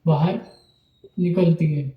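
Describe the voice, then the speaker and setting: A man's voice: a little high, steady tone, slow pace, reverberant, muffled recording. A man teaching a Sanskrit lecture, explaining step by step, reciting letters one by one and checking in often with "okay". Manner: repetitive explaining, frequent "ठीक है" and "okay" check-ins. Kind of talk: online video lecture.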